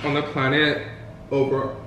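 A man's voice: medium pitch, completely flat delivery, measured pace, sharp tone, slight background noise. A young man chatting casually over his makeup with sassy, campy drag-queen banter. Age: young adult. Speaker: makeup vlogger. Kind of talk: casual chat during makeup. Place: small indoor room with bare wall. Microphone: camera a few feet away. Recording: very echoey room, music underneath.

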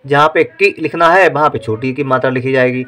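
A man teaching how to write words, slowly sounding out each syllable and repeating words like dictation. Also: medium pitch, steady tone, fairly bright tone. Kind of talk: slow dictation-style writing lesson.

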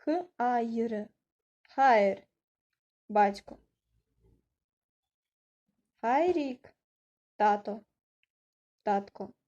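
A woman's voice: fairly high pitch, expressive, extremely slow, long pauses, warm tone, muffled recording. A woman teaching an online language lesson, patiently spelling out words letter by letter.

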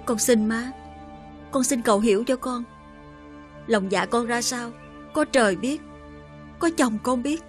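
A woman's voice: fairly high pitch, measured pace, pauses often, soft background music, lightly acted. An actress with a Southern Vietnamese accent playing a troubled young wife who pleads politely with her mother and uncle. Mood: pleading.

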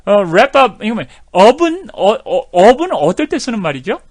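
Animated man teaching English pronunciation. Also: high voice, a little slow, no echo. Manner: animated, repeats and demonstrates pronunciation. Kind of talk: video lesson.

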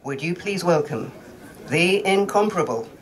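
A man's voice: high-pitched, lively intonation, moderate pace, faint music behind. A man presenting an award at an indoor ceremony, droll and jokey. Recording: noisy room with crowd.

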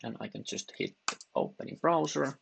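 A man narrating a screen-recorded software tutorial, talking haltingly with frequent restarts and fillers as he clicks through. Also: mid-range voice, creaky, a little hiss or hum.

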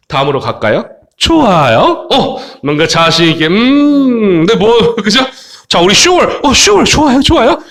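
A man teaching a children's English lesson in a playful, jokey way, drilling phrases and clowning with silly voices. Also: pushed and bright. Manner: playful, jokey, mimics kids in high squeaky voices.

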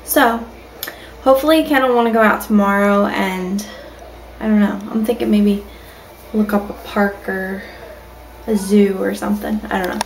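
A woman's voice: medium pitch, fairly even intonation, normal speed, vocal fry, long pauses, slight background noise, rough recording. A woman vlogging from home in a casual, rambling way, with lots of ums and restarts. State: has the hiccups. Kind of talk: casual vlog chat. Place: at home, indoors.

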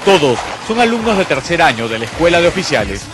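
Animated Peruvian male news narrator. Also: a little high, fast talker. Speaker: TV reporter narrator. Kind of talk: scripted dramatic news narration. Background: music.

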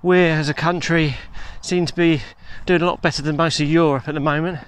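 Man vlogging on a walk, rambling and self-deprecating, slightly higher voice, handheld phone mic outdoors. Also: steady tone, fairly quick, smooth. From England. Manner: rambling, chatty, self-mocking. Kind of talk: casual walking vlog chat. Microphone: handheld phone camera.

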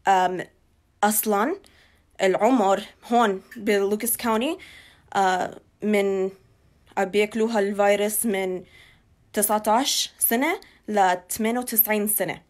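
A woman in her twenties with a Levantine Arabic accent gives an informal live news update into a phone held at arm's length in a small indoor room, switching between Arabic and English. Her medium-pitched voice is fairly even, at a moderate pace with long pauses, as she shares community updates as a local reporter.

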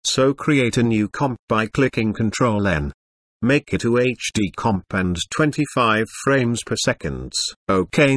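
A synthetic, stilted male computer voice, like an old speech synthesizer, narrating a scripted software tutorial. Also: mid-range voice, no echo, clean studio sound. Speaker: tutorial presenter.

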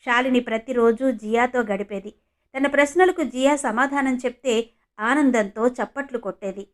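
A woman reading a scripted story as narrator, in an even storytelling manner. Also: on the high side, normal speed.

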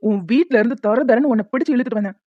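A woman dubs a cartoon role: a brutal, lecherous male moneylender who is crude, menacing and threatening. He talks fast and a little high, and the performance is lightly acted. The sound is thin and phone-like, completely dry with no room echo.

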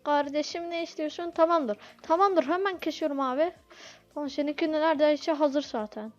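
With a high-pitched voice at normal speed, a woman hosting a gameplay video chats casually about the restaurant game she's playing. Flustered, she pleads with impatient customers to be patient, over dull lo-fi audio and game music.

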